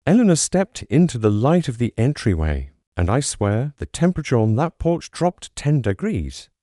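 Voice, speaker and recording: A man's voice: medium pitch, very animated, moderate pace, warm tone, no echo, studio quality. A man reading a scripted first-person story aloud in a dramatic, suspenseful storytelling manner. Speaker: narrator.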